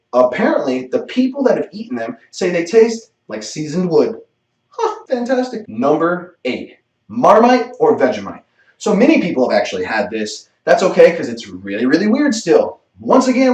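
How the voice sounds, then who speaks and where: Lively, swearing male vlog host. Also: on the high side. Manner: energetic, jokey, swears freely. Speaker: cooking channel host. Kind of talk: casual countdown vlog. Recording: roomy echo, distant mic.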